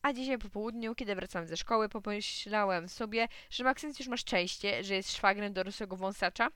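Woman reading a kids' story, bright crisp voice, dry recording. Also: medium pitch, fairly quick, no echo. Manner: lively storytelling with small slips. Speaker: reader. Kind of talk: reading a children's story aloud.

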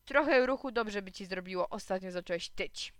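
A woman's voice: mid-range voice, normal speed, fairly bright tone, no room sound, lightly acted. A woman voicing a jovial male neighbor who teases the father. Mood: teasing. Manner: teasing, then indignant.

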